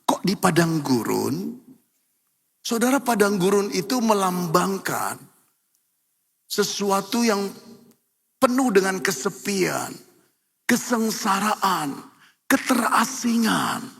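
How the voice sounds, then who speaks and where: Male preacher, bright forceful delivery, emphatic sermon style, recorded in a reverberant church hall. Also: high-pitched, animated, takes it slowly, gravelly, long pauses, husky. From Indonesia. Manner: emphatic preaching, rising to loud repeated cries. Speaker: pastor.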